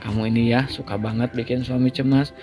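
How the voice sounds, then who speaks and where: A man voicing a young husband who fusses over his wife and coaxes her gently, in his own voice. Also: medium pitch, steady tone, brisk, natural voice. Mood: worried. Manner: coaxing, fussing. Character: doting young husband, worried and protective. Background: background music.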